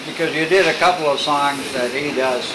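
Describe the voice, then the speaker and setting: A man's voice: fairly high pitch, brisk, heavy background noise. A man in his sixties from Sweden, a vlogger chatting and asking questions while filming on a camera. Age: 60s. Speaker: vlogger host. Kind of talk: casual chat. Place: indoor restaurant with live music. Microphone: handheld camera mic. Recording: echoey room, loud live music.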